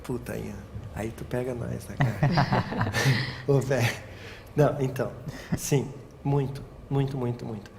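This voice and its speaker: A man's voice: mid-range voice, fairly even intonation, moderate pace, gravelly. A young man, a wedding photographer giving a casual interview, rambling and tagging his sentences with questions. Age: young adult. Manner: rambling, frequent "sabe?" tags, restarts. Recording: long reverb, faint ambient noise.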